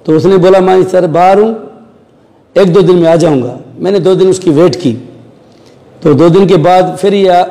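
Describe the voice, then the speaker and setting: A man's voice: sits high, dark tone, long reverb tail, low-quality recording. A man recounting events in a news interview, acting out the dialogue he quotes in a storytelling way.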